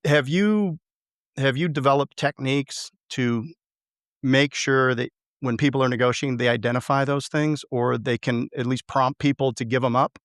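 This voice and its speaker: A man's voice: medium pitch, steady tone, moderate pace, no room sound, clean studio sound. A man in a conversational interview, speaking as the interviewer. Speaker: interviewer and coach.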